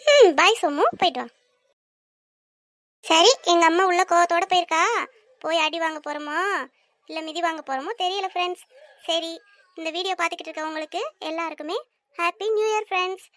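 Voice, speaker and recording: A woman voicing a cheeky, shrill little cartoon girl. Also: brisk, pauses often, fairly bright tone, no echo. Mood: chatty. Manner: teasing, scolding, chatty asides to viewers. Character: cheeky young girl, bold and sharp-tongued. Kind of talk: cartoon voice acting.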